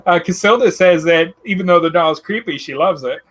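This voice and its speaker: A man hosting a casual radio talk show with a notably high voice. He is upbeat and laughs along, and he plugs the guest's links. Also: fairly quick, a bit bright.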